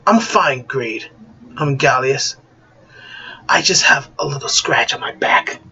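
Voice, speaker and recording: A man's voice: medium pitch, expressive, slow pace, sharp tone, husky, exaggerated voice. Man as butler-ish companion; formal, stiff, lo-fi. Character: male companion with butler-like airs.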